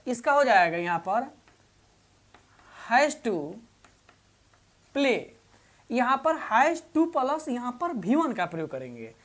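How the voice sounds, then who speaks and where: A woman teaching English grammar in Hindi. She repeats each example slowly and quizzes the learners as she goes. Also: fairly high pitch. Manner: addresses learners fondly as "babu". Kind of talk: Hindi-medium classroom grammar lesson.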